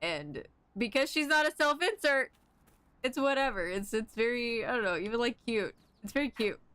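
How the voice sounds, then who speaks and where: A young woman streaming a game, chatting casually, giggling, swearing a lot and getting excitable. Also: fairly high pitch, moderate pace, dry recording. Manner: giggly, excitable and profane, with frequent filler words. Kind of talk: casual gameplay commentary.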